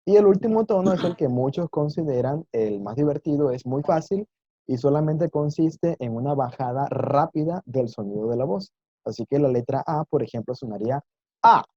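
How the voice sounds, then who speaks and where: A man's voice: mid-range voice, expressive, normal speed, warm tone, no room sound, lo-fi sound. A man teaching an online Mandarin lesson in Spanish, patiently explaining and demonstrating tones with exaggerated intonation and encouraging his students.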